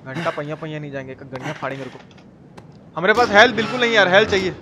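A man from India with a Bihari Hindi accent streams games live, talking very fast at a fairly high pitch with fairly even intonation. He's casual and teasing with viewers and swears freely. Crowd noise and game sound make the recording clearly noisy.

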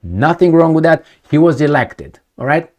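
Sitting indoors in his home study with bookshelves behind him, a middle-aged video commentator from Romania speaks to camera casually. His fairly high voice is expressive and at normal speed, and he repeats himself emphatically while asking rhetorical questions.

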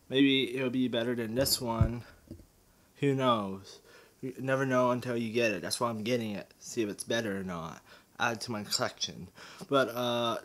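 A man talks to his viewers in a bright, forceful voice, wandering from point to point and restarting his sentences. He sounds a little out of breath, and the sound comes from a camera mic held in his hand. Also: medium pitch. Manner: rambling, hesitant, with restarts. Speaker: vlogger. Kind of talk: casual vlog talk to camera. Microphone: handheld camera mic.

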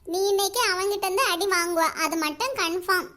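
Brief: cartoon teen friend, gossipy and teasing, high and bright. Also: female voice, brisk.

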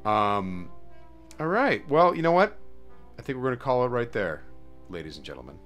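Man, streamer host, casual playful chat, lively swooping pitch, faint music behind. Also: normal speed. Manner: playful, addresses viewers as ladies and gentlemen.

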